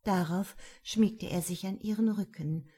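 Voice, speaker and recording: A woman narrating a novel in a calm, even storytelling manner. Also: mid-range voice, a little slow, slightly rough. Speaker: audiobook narrator. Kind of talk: scripted narration.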